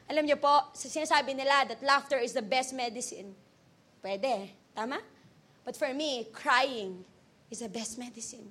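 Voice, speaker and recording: High, bright-voiced young woman preaching. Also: a little slow. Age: 20s. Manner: energetic, animated preaching with sudden loud bursts; storytelling with laughs and acted-out quotes. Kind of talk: sermon.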